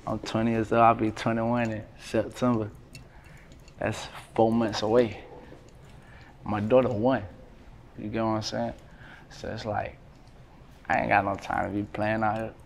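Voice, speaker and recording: A man's voice: fairly low pitch, a little slow, gravelly, long pauses, slight background noise. Young man, laid-back slangy talk. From North Carolina, USA. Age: 20s. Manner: relaxed slangy talk, many fillers. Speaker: rapper, interview guest. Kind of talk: casual interview talk. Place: indoors by a brick wall.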